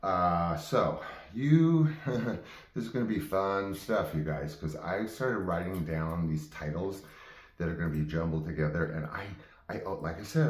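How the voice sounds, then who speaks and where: The host of his own game show tells improvised stories to viewers in a casual, rambling manner, often breaking off mid-thought and starting again. His voice is low and the sound is reverberant.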